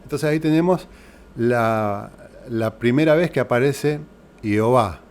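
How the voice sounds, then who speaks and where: A man's voice: mid-range voice, measured pace, a little mellow. A man with an Argentine accent preaching in a church, explaining things step by step and posing rhetorical questions to the congregation. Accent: Argentine Spanish. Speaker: pastor. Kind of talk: sermon teaching. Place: church hall.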